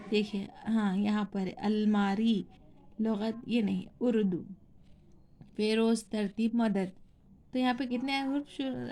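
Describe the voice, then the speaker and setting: A woman's voice: high-pitched, darkish tone, slight background noise. A woman teaching a recorded lesson, spelling words out letter by letter and asking questions she then answers herself. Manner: spells out letters slowly, asks and answers her own questions. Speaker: school teacher. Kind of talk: classroom lesson.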